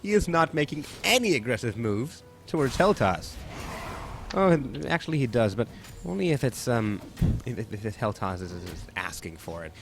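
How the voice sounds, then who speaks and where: A man doing play-by-play esports commentary, excitable and rising with the action, with frequent restarts. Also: medium pitch, moderate pace, over music.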